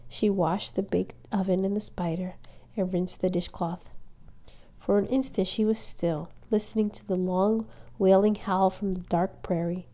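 A woman reading a children's novel aloud as a storyteller, with measured, expressive narration. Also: mid-range voice.

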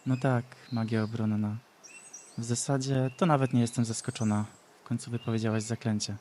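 A man voicing a cruel, mocking mad sorceress who speaks slowly and taunts in a sing-song way, for a storybook reading. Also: mid-range voice, steady tone, a little mellow, a little hiss or hum, natural voice. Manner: slow, taunting, sing-song with cackling laughs.

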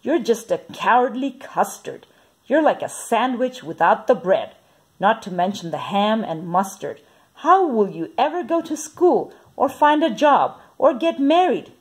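A woman's voice: mid-range voice, lively intonation, slow pace, husky, full character voice. Woman doing an exasperated scolding father.

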